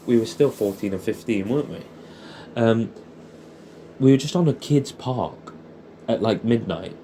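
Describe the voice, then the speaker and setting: A young Englishman with a soft, mellow, mid-range voice reminisces casually and intimately, as if to an old mate, in an audio creator's piece. He rambles nostalgically, swears freely and tags his statements with little questions. There's faint noise behind him, and the recording is rough.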